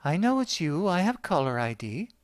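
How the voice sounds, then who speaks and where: A man performs the part of a cool, cutting wife on the phone, pitching his voice above his natural range. His delivery is dry, a little high, with big swings in pitch at a normal speed. The recording is dry and studio quality.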